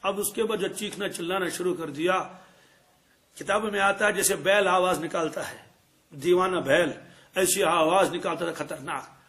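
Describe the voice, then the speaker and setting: A man teaching a hadith lesson as a lively storyteller. He asks his listeners questions and answers them himself, and recites Arabic verses. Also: high voice. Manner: acts out quoted dialogue in changed voices. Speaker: Islamic scholar teaching hadith.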